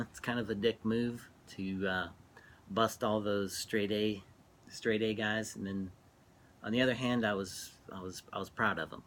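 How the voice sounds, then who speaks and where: A middle-aged man talking casually and reflectively while smoking, halting and trailing off between phrases as he reminisces. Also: on the low side, a bit bright, slight background noise. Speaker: vlogger. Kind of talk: casual rambling monologue, reminiscing.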